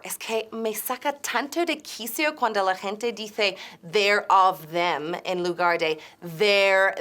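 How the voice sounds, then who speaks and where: Slow, expressive woman teaching English. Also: a little high. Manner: fussy, asks learners to repeat aloud. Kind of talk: acted classroom sketch with drills.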